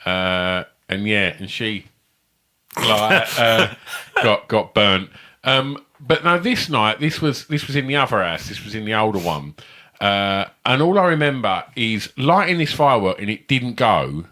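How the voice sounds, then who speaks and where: A man's voice: fairly low pitch, expressive, measured pace, sharp tone. A man co-hosting a comedy podcast, telling rambling, sweary anecdotes. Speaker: podcast co-host. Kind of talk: casual comedic storytelling.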